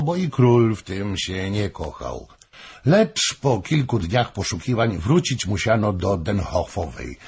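A man reading a historical novel aloud in measured narration. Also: on the low side, husky. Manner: measured storytelling. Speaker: audiobook narrator. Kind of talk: scripted narration.

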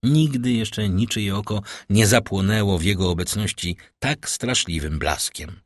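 A man reading an audiobook aloud in a measured, dramatic way. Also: fairly low pitch, no echo, clean studio sound. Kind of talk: audiobook narration.

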